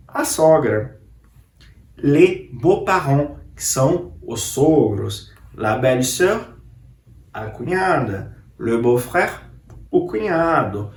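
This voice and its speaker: Chatty man teaching in an echoey room. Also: mid-range voice. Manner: chatty, repeats words slowly for the viewer to copy. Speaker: French teacher. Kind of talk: casual online language lesson.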